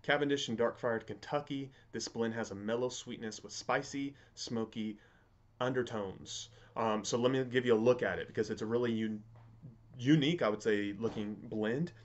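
A man in his thirties talking casually to camera as a reviewer, halting and repeating words as he thinks aloud. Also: medium pitch, muffled recording. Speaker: pipe tobacco reviewer. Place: indoors, home study with bookshelves.

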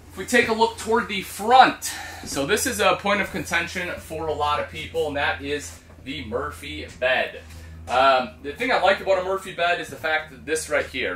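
A man's voice: a little high, bright, forceful tone, slight background noise. A man in his thirties giving a casual, chatty walkthrough of a travel trailer as a product specialist, recorded inside the small trailer. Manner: easygoing, chatty, lots of "you know".

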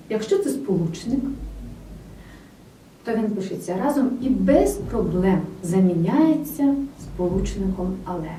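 A woman giving a scripted grammar lesson, speaking clearly and with emphasis straight to the student. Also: on the high side, mellow. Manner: clear, emphatic teacher's delivery addressing the student directly. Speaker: language teacher. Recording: roomy, slightly distant with faint noise.

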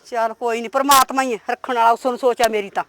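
A woman's voice: a little high, steady tone, fast, a bit bright. Woman playing gossipy old village aunt. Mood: chatty. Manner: chatty, blunt. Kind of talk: village comedy drama.

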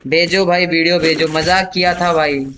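A man's voice: fairly high pitch, little pitch movement, moderate pace, a little hiss or hum. Young man teasing friends over gunfire. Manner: joking, teasing banter with teammates, mixing in English phrases. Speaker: livestreaming gamer. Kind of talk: casual live gameplay commentary. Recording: game gunfire loud under voice. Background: game gunshots and machine-gun fire.

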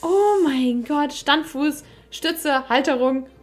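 A woman's voice: sits high, slow pace. A young woman streamer chatting casually on a livestream at a desk microphone, overwhelmed and giddy, laughing and squealing often. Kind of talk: excited livestream unboxing chat.

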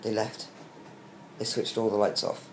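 A young British man, weak, tired and short of breath after surgery, talking haltingly in a casual video diary. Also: lowish voice, little pitch movement. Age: young adult. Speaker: vlogger giving a recovery update. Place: small hospital room, lying in bed. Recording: roomy echo with faint background hiss.

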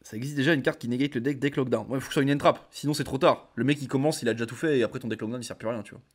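A man's voice: medium pitch, racing, slightly rough. Young guy reading card text then riffing on it, chill slangy talk. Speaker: card game content creator. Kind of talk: casual card review reading.

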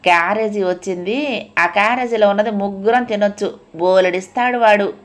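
A woman voicing a bossy elderly woman who scolds loudly and drags her words out. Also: medium pitch, close to an everyday voice. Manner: loud, scolding, drawn-out. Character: bossy elderly woman, sharp-tongued, shouting orders.

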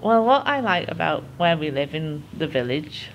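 A woman's voice: deep voice, very animated, moderate pace, a little hiss or hum, rough recording. A woman in her sixties with a Manchester accent, fondly talking about village life in an interview. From England. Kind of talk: casual interview.

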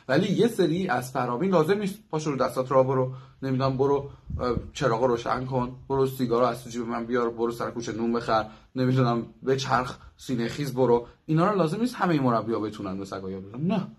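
Give me a husky young man, a dog trainer, chatting through a how-to lesson. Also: medium pitch. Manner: chatty, lists examples in long strings. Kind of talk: casual instructional talk.

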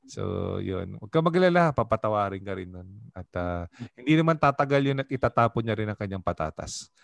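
A pastor with a fairly low voice gives a casual evening devotional over a video call. He talks in a loose, chatty way, keeps asking his listeners for agreement, and laughs easily. The sound is dry and close, with no room echo. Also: very animated, fairly quick, creaky.

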